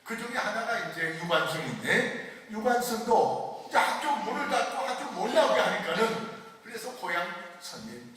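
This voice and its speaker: A man preaching a sermon as pastor, telling a story in an animated way and repeating key phrases for emphasis. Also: high voice, a little hiss or hum. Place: church sanctuary. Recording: echoey church hall, mic at a distance.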